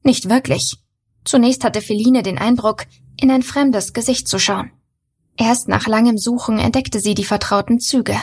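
A woman reading a novel aloud as an audiobook narrator, in a measured, even storytelling manner. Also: on the high side, breathy edge. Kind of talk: scripted literary narration.

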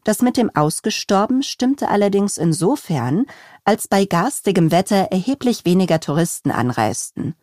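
A woman calmly reading a novel aloud as a narrator, in an even storytelling manner. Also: medium pitch, moderate pace, no echo, studio quality. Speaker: audiobook narrator. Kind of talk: scripted narration.

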